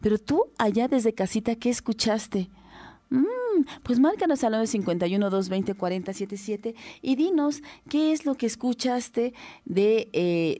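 A woman's voice: medium pitch, dark tone, dry recording. A woman hosting a children's radio show from a booth, talking friendly and straight to young listeners. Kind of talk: casual children's radio chat.

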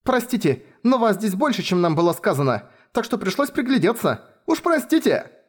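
Man doing a cheeky high village boy. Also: very animated, moderate pace, slightly rough, full character voice. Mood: eager. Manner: eager and polite, then stammering.

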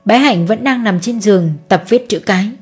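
A woman narrates an audiobook story in an even, steady voice. Her tone is husky and a little breathy. Faint music plays behind her. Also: mid-range voice, normal speed.

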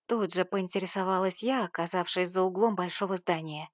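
A woman reading a novel aloud in the first person, in a sardonic, lively way. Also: on the low side, brisk, dry recording, studio quality. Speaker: audiobook narrator.

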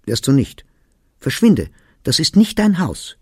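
A man voicing a defiant young peasant woman who shouts back at her fiancé in a high, strained voice. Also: wildly swooping pitch, moderate pace, breathy edge, dry recording, studio quality, heavily acted. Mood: defiant shouting.

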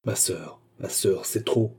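A man reading an audiobook, voicing a royal prince who murmurs tender reassurance in a soft voice. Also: medium pitch, normal speed, slightly rough. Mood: soothing. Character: tender, soothing royal brother-in-law.

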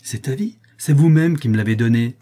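A man's voice: medium pitch, normal speed, mellow, breathy edge, close to an everyday voice. A man voicing a defiant young nobleman accused before a tribunal, speaking with raised, indignant force. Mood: accusing.

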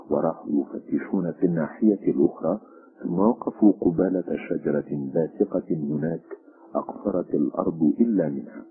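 A man reading a literary story aloud as an expressive audiobook narrator, with a tinny phone-like sound. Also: low-pitched, husky.

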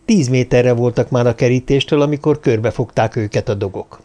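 A man narrating an audiobook, giving the characters' lines small shifts of pitch. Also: warm tone.

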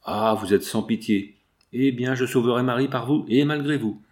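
A man's voice: mid-range voice, moderate pace, darkish tone, close to an everyday voice. Man reading as a pleading rich father. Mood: desperate. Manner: pleading, then harsh and insistent. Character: anguished wealthy father, older industrialist, pleading.

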